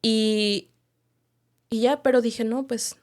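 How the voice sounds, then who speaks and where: This podcast guest tells her personal story slowly, in a slightly high, steady, darkish voice. She reflects candidly and often tags her thoughts with a questioning "right?".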